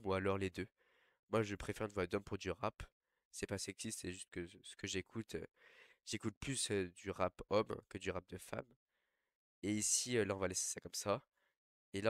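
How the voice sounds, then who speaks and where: This tutorial host is a young man whose fairly low voice is congested from a cold. His relaxed, rambling walkthrough of the screen is packed with fillers, captured in clean studio sound without any room echo.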